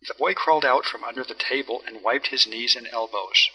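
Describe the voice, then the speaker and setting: Male narrator, classic storybook reading, husky voice, very bright timbre, measured delivery. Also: mid-range voice, poor audio.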